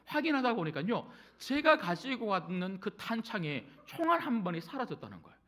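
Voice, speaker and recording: A man's voice: high voice, fairly quick. A middle-aged male pastor preaching a sermon in a church, telling a personal story and speaking straight to the congregation. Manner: animated storytelling, addresses congregation directly. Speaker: senior pastor. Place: church sanctuary.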